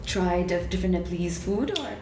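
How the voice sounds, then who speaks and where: A woman's voice: fairly low pitch, lively intonation, a little fast, a little mellow, echoey room, a little hiss or hum. A woman hosting a show, asking an interview guest questions in an upbeat way, with some hesitations. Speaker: show host. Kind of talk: hosted interview.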